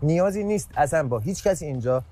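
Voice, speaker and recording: A man's voice: a little high, lively intonation, loud music behind the voice. A man on a reality show insistently telling someone how to act. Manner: insistent, commanding. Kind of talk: heated group discussion.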